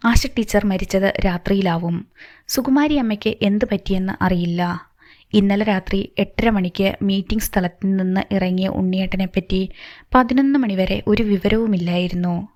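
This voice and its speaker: A woman's voice: mid-range voice, darkish tone, no echo, studio quality. A woman reading a novel aloud as an audiobook storyteller, voicing every character in her own plain voice.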